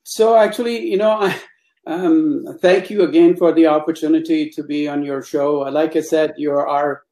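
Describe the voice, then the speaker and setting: A man's voice: a little high, steady tone, normal speed, dark tone. A middle-aged man speaking courteously and a little hesitantly as an interview guest on a video call. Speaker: guest scientist. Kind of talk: polite, unscripted interview talk. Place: home office, indoors. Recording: echoey room over video call.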